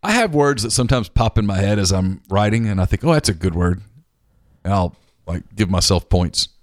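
Man, very low voice, dry close studio sound, wry sports talk banter. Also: animated, fairly quick, dry recording. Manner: wry, bantering, reads listener questions aloud. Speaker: sports talk show co-host. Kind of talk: casual sports radio chat. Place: radio studio. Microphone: studio microphone.

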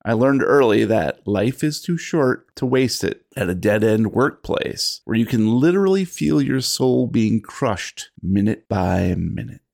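A man's voice: lowish voice, animated, a little slow, vocal fry, hardly any pauses, a little mellow. A man hosting a gaming podcast as game keeper, mixing scripted intros with casual banter.

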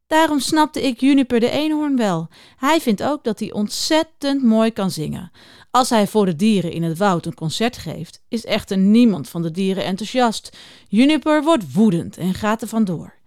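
A woman reading a children's book aloud in an expressive storytelling manner. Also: on the high side, normal speed, no room sound, clean studio sound.

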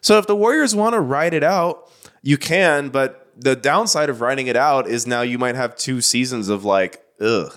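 Man, podcast co-host, studio, casual sports banter, animated, mid pitch. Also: moderate pace. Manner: animated, repeats himself, stacks stats.

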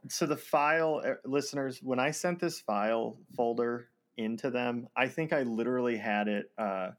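In a relaxed chat, this guest, who works as a voice actor, speaks with a mid-range voice and stops and restarts a lot. He laughs frequently and pokes fun at himself.

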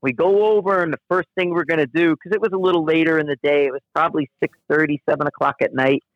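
A man with a slightly raised pitch tells a rambling, profane anecdote in loose conversational style, often restarting his sentences. The recording is dull and dry, with no room sound. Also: steady tone, fast talker, no echo. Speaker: guest storyteller. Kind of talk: casual spoken anecdote.

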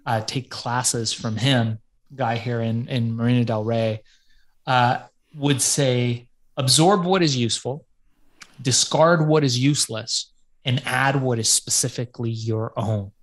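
A man's voice: medium pitch, measured pace. A man from Iran, a guest on an interview, talking in a reflective, casual way and swearing now and then. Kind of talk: podcast interview.

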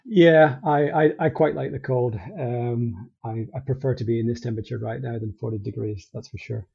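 A middle-aged Scottish man chatting as an interview guest, relaxed and rambling, restarting his sentences often. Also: medium pitch, moderate pace, gravelly, slightly rough, dull audio. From Scotland. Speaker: guest, company co-founder. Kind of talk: casual interview chat.

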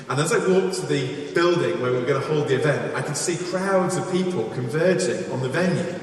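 A man's voice: fairly high pitch, slight background noise. Earnest man preaching in an echoey hall. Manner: earnest and animated, with wry humour. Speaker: evangelist speaker. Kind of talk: sermon with personal anecdotes. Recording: echoey hall, mic from far off.

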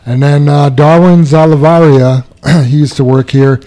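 A man co-hosting a casual workplace podcast, reading out new hires, birthdays and shout-outs in a matter-of-fact way. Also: a little high, fairly even intonation, a little slow. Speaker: podcast co-host reading announcements.

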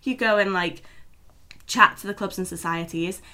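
Brit girl in her 20s w a froggy hoarse worn out voice, bright and forceful, chatty podcast talk. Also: medium pitch, normal speed. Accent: British. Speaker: podcast co-host and writer. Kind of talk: casual podcast chat.

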